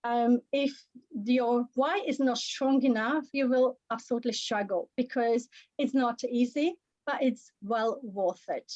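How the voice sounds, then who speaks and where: A woman's voice: on the high side, measured pace, a little mellow, dry recording, highs cut off. A woman from Slovakia with a Slovak accent, a workshop presenter answering questions in an earnest, encouraging way. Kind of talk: answering questions in an online meeting.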